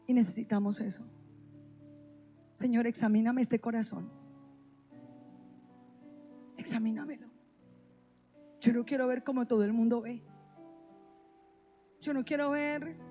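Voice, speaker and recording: A woman's voice: high voice, darkish tone. A woman preacher, delivering an emphatic sermon in church. She repeats key phrases and has the congregation answer back. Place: church sanctuary.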